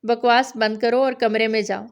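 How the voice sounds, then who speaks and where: A woman's voice: a little high, level tone, clean tone, lightly acted. Woman reading a curt, stern husband. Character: stern tired older-brother husband, gruff but fond.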